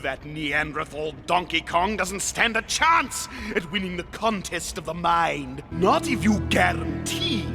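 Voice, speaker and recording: Casting: grandiose cartoon villain monster king, scheming and short-fused, very high voice with wildly swooping delivery. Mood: smug scheming. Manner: grandiose, bombastic, drawn-out exclamations. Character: pompous, scheming villain king monster, hot-tempered and gloating. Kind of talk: theatrical animated-series voice acting. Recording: loud music bed behind dialogue.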